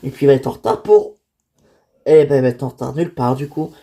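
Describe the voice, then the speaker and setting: A woman's voice: very deep voice, animated, quick pace, vocal fry, mellow, exaggerated voice. A woman voicing a caring, teasing middle-aged father who talks in a chatty, affectionate way, in a homemade toy-figure drama. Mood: doting.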